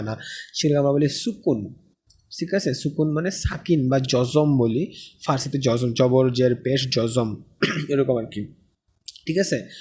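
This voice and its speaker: A man's voice: medium pitch, darkish tone, breathy edge. A man teaching an Arabic course, explaining step by step and often checking with questions. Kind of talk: recorded lesson lecture.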